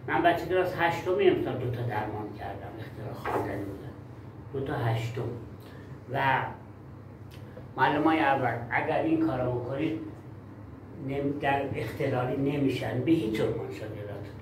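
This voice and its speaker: A man's voice: mid-range voice, noisy background. Emphatic male teacher trainer in echoey room. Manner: emphatic, repeats key words. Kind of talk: workshop lecture to teachers. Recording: echoey room, far from mic.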